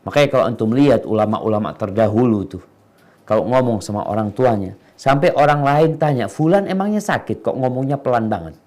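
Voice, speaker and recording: A middle-aged man preaching a sermon, dropping to quiet low asides and rising to emphatic, slangy appeals. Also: animated, fairly quick.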